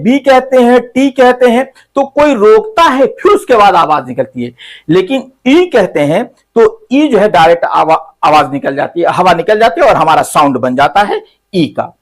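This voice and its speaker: A male English teacher, slowly going through the alphabet and repeating each letter sound several times. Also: high voice. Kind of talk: spoken English lesson.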